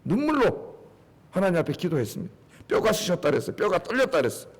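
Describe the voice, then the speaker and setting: A male pastor preaching a dawn sermon, fervently, asking the congregation questions and slowing down to quote scripture. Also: high voice, very animated, breathy edge.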